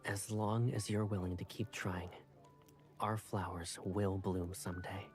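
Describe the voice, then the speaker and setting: An actor playing a calm, tender young male love interest in a video game, soft-spoken and reassuring. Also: sits low, unhurried, music in the background.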